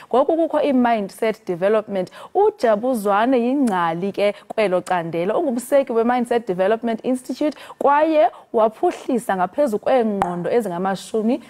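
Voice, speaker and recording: A woman's voice: a little high, a little mellow. A woman with a Xhosa South African accent, presenting and interviewing as a talk show host.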